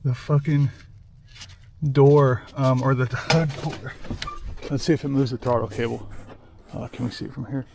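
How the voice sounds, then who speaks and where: A man's voice: medium pitch, normal speed, creaky, pauses often, very noisy. Young man vlogging in his garage. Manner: excited, swearing, talks while working. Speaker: car builder vlogger. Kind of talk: casual garage vlog.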